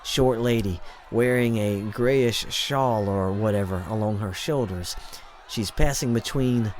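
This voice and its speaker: A man's voice: fairly low pitch, a little slow, a little mellow, slight background noise, close to an everyday voice. A man voicing a curt, impatient young woman spotting a target, in an audiobook reading.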